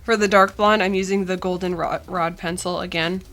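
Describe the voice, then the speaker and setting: A young woman hosts a drawing tutorial from her drawing desk indoors, her lowish voice still weak from a cold. She talks at a moderate pace, relaxed and chatty with plenty of ums and uhs, over soft background music.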